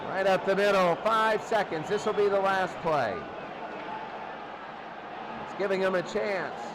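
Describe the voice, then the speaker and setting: Calling the football action a little slowly, this play-by-play announcer has a high-pitched voice and thinks out loud in a casual, radio-style American football commentary. The recording carries a loud stadium crowd roar and noise in the background.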